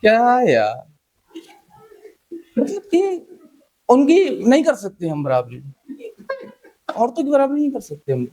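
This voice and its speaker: Male stand-up comedian, young adult, chatty, teasing, highish voice, mellow tone. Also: huge pitch swings, slow pace, long pauses, rough recording. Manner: chatty, teasing the crowd, acts out quotes.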